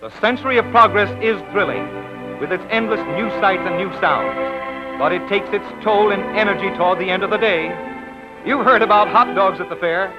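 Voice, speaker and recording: Man narrating an old 1930s newsreel. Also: sits high. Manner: brisk, declamatory announcer delivery. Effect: old newsreel soundtrack. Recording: dull lo-fi 1930s film sound with music.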